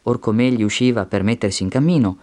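A man reading scripture aloud in a steady, measured way. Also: on the low side. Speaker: scripture reader.

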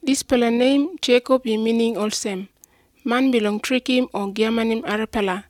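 A woman's voice: fairly high pitch, fairly even intonation, moderate pace, no echo, studio quality. A woman narrates a scripted picture-book Bible story in a simple, instructive storytelling way.

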